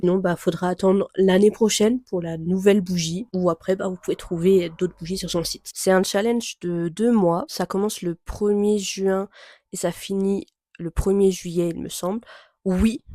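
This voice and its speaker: A young woman chatting casually to camera about her reading plans, rambling with many fillers and soft laughs. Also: lowish voice, dry recording, studio quality. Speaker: book vlogger.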